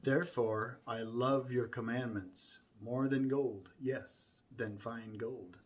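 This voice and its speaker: A man reciting scripture from memory in a solemn, deliberate way, starting phrases with emphasis and softening toward the ends. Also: medium pitch, steady tone.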